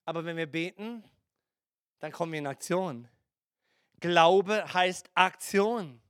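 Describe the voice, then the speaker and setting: A man's voice: sits high, slow pace, smooth, no room sound, clean studio sound. A man preaching a sermon as pastor, breaking into playful acted asides and mimicry.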